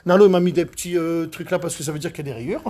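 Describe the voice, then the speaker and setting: A man who details cars, chatting casually while he works, excitable, boastful and rambling, with a husky voice. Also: on the high side, very fast. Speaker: car detailer. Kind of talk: casual chat while working.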